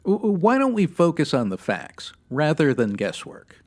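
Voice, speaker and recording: An actor playing a stern, by-the-book 1950s police sergeant in a comic radio drama, formal, deadpan and clipped. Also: male voice, on the high side, normal speed. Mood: exasperated. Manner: deadpan, formal, matter-of-fact.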